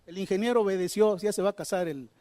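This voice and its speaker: High-voiced male preacher, emphatic. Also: fast, warm tone. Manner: preaching with rhetorical questions to the congregation; emphatic, repeating phrases for stress. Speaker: pastor. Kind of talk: sermon.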